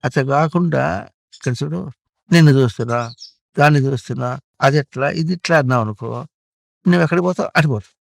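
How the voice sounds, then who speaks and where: A man's voice: mid-range voice, fairly quick, creaky, long pauses, no room sound, studio quality. A man giving spiritual instruction to a child, repeating himself and asking questions emphatically. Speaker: spiritual teacher.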